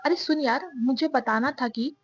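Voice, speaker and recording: A woman's voice: high voice, normal speed, slightly rough. A woman voicing a cautious, easygoing young male college friend who speaks in a warning, casual way. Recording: dull, dry sound.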